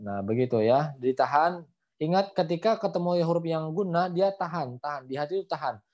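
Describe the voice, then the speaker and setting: A man teaching Quran recitation in an online class. He is patient, repeats his points, ends phrases with "ya" and models the sounds before slowly chanting the verses. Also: on the high side, animated, darkish tone. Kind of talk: online tajwid lesson. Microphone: video call.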